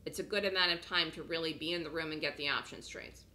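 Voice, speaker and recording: This trading course instructor hosts a webinar from home, her voice lowish but bright and forward, with a slight hoarseness as though a cold is wearing off. She talks quickly with fairly even intonation, repeating herself chattily and tossing frequent "okay?" checks at her audience while selling her course.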